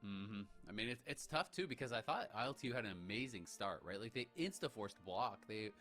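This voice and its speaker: A man's voice: fairly low pitch, lively intonation, brisk, pushed and bright, soft background music. A man working as an esports commentator, analysing a match in a conversational style.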